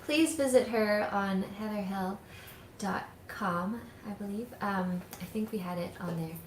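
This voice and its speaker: A woman's voice: mid-range voice, unhurried, a little hiss or hum. A woman hosting a casual interview, effusive and thankful. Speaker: host. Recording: roomy echoey sound.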